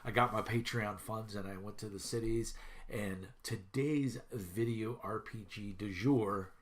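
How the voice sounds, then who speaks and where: Reviewing tabletop games for his channel, a man in his thirties from Minnesota rambles along with plenty of fillers, congested from a head cold. His voice sits low and steady, and he keeps a measured pace.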